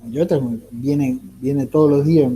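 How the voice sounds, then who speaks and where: A man lecturing a class, halting and repeating words, often asking the listeners rhetorical questions. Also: medium pitch, fairly even intonation, mellow, slight background noise. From Argentina. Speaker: teacher.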